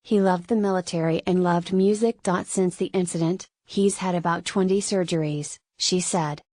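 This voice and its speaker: A woman's voice: lowish voice, a little mellow, no room sound. A woman reading a scripted news article as a narrator, quotes included in the same reporting voice.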